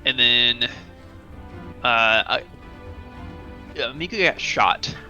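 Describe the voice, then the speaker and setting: Bright-voiced giggly male gamer. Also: mid-range voice, takes it slowly, faint music behind, poor audio. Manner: giggly, lots of fillers. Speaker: tabletop game player. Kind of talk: casual tabletop game chat.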